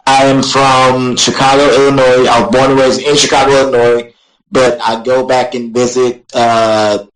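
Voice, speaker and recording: A man's voice: medium pitch, little pitch movement, moderate pace, a bit bright, rough recording. A young man being interviewed as a guest wrestler, answering in a rambling way full of fillers and apologies. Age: young adult.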